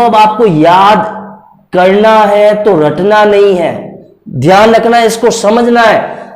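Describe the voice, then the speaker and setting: A male teacher giving a classroom lecture, coaxing and repetitive, often checking in with his students. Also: high-pitched. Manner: repetitive, coaxing, keeps saying "ok friends". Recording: echoey room.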